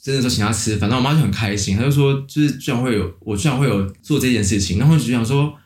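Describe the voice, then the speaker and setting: A young man with a Taiwanese Mandarin accent hosting a casual podcast chat, telling stories in an animated, rambling way. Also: mid-range voice, racing. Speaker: podcast host. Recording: roomy echo.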